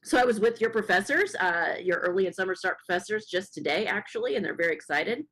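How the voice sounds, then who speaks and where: A woman welcoming new students on a video call, hoarse and losing her voice, earnest and with many fillers. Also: mid-range voice, animated, quick pace, fairly bright tone, rough recording. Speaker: faculty speaker at student welcome session. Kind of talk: welcome address on a webinar.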